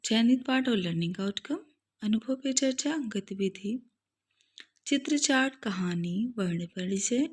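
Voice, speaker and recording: Breathy Indian woman reading out a teacher's diary. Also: fairly high pitch. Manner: steady, list-like reading with short pauses. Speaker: primary school teacher.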